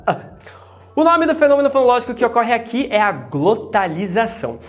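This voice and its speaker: Brazilian lady teacher, brazilian portuguese accent, jokey asides, drills sounds over and over, super lively voice. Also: medium pitch. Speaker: English pronunciation teacher. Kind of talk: playful video lesson.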